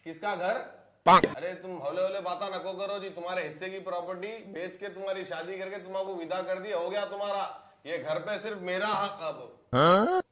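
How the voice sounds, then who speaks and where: A man acting as a cocky younger brother who talks back rudely in a Hyderabadi accent. His voice sits fairly high. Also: steady tone, moderate pace, a bit bright. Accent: Hyderabadi Urdu. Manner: rude, cocky. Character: lazy, cheeky younger brother.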